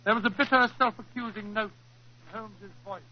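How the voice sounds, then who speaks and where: A man's voice: sits high, steady tone, a little fast, lightly acted. A man playing an earnest, fussy English doctor, the loyal companion of a detective, in a 1940s radio drama. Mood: solemn storytelling. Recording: muffled, noisy old 1940s radio recording.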